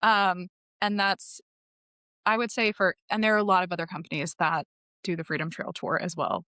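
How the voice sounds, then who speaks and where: Woman, podcast guest, lowish voice, enthusiastic, informative, long answers, dry sound. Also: steady tone, moderate pace, sharp tone, no echo. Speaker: tour company guest. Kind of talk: podcast interview.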